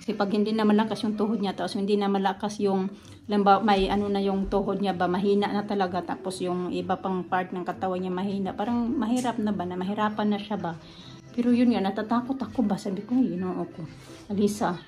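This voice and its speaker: A woman's voice: medium pitch, steady tone, quick pace, darkish tone, soft background music. A woman from the Philippines, a family vlogger, telling a story in casual chat and often talking straight to her viewers. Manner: chatty storytelling, often addresses viewers directly.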